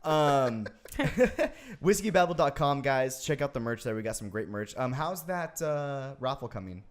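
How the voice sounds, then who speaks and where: A man's voice: medium pitch, very animated, unhurried. A man hosting a casual podcast, telling rambling stories with frequent laughs. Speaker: podcast host. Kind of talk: casual chat.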